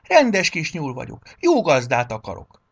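A man's voice: fairly high pitch, wildly swooping pitch, voice pushed up. A man doing a sobbing tiny bunny. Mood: tearful. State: crying. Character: tearful tiny spotted baby rabbit.

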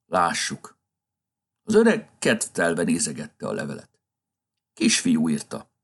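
Deep, husky male storyteller. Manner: expressive, lilting storytelling. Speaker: narrator. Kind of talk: storybook narration.

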